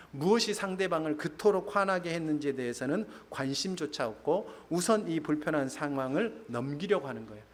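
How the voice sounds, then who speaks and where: A male pastor preaching to his congregation in church, often asking them questions. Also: a little high. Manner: addresses congregation with questions, laughs. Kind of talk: sermon.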